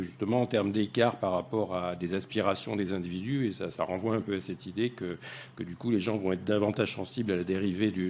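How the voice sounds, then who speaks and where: A man on a conference panel answers a question at a rapid clip, in a fairly low voice. He explains step by step, often restarting his phrases, with faint noise behind him. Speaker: economist panelist. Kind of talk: lecture answer.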